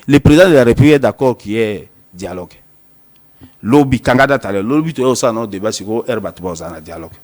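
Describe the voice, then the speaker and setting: A man, a lawyer from Congo with a Congolese French accent, arguing politics on a talk show and switching between French and Lingala with many restarts. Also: fairly high pitch. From Democratic Republic of the Congo.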